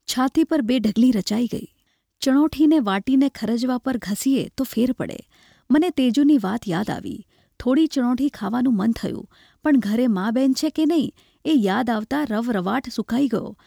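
Female storyteller, slightly high, gravelly voice, measured expressive delivery. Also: dry recording, clean studio sound. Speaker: narrator. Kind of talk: literary story reading.

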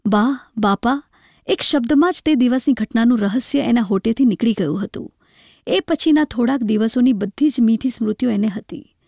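A woman narrating a literary short story in a measured, reflective way. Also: a little high, gravelly, warm tone, no room sound, clean studio sound.

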